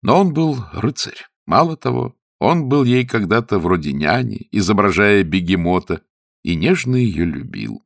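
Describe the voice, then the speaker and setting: A man narrating a story aloud in a lively, expressive reading style. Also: fairly low pitch, moderate pace, gravelly, dry recording, studio quality. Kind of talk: audiobook narration.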